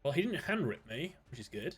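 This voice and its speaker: A British man chatting casually while streaming a card game, thinking aloud, greeting viewers and breaking into sudden excited outbursts. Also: medium pitch, a little fast, breathy edge, faint music behind. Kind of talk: casual live-stream gameplay commentary.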